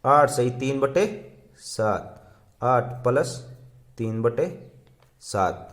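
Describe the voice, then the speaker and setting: A male math teacher walks through a lesson at an unhurried, deliberate pace. He counts parts aloud one by one and repeats each step for young pupils. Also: medium pitch.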